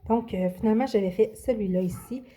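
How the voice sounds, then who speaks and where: A woman's voice: medium pitch, brisk, warm tone. A woman, casually presenting her coloring books in a vlog, hesitant with many fillers and restarts. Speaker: adult coloring vlogger. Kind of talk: casual show-and-tell vlog.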